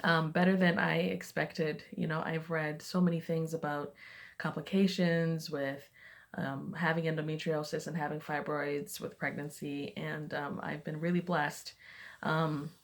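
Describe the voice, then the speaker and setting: A young woman talking casually to her vlog viewers, chatty and a little out of breath, with lots of "um" fillers and excited bursts. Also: low-pitched, measured pace, creaky. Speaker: vlogger. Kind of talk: casual personal vlog talk.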